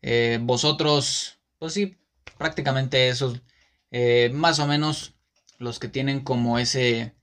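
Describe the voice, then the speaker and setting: A man's voice: medium pitch, steady tone, slow, a bit bright. Man, Mexican Spanish accent, podcast host, casual monologue, rambling, self-correcting, lots of fillers.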